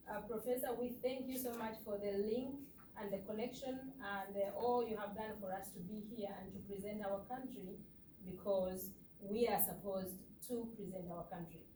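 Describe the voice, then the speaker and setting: Speaking in a warm, mid-range voice at a normal pace with fairly even intonation, a woman from Uganda delivers a conference talk in a lecture hall, earnest and emphatic, with rhetorical questions for her listeners. She has a Ugandan accent. There's a little hiss or hum, and the sound is far off with hall echo.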